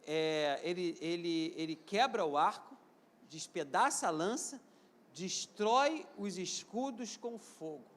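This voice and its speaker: A Rio de Janeiro-accented pastor in his fifties, his voice strikingly high for a man, leads a live sermon with the congregation repeating lines and answering amen. He speaks slowly yet animatedly, alternating between loud, emphatic crescendos and calmer, quieter passages.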